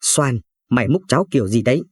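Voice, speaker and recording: A man's voice: mid-range voice, animated, quick pace, breathy edge, no echo, clean studio sound. A man voicing a stern, bossy old grandmother in a narrated story, scolding in tone.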